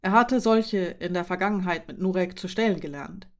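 A woman narrating a novel in a steady, measured reading voice. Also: on the low side. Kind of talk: audiobook narration.

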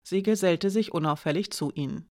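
An audiobook narrator reading a fantasy novel in steady scripted narration. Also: mid-range voice, a little fast, dry recording, clean studio sound. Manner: steady storytelling.

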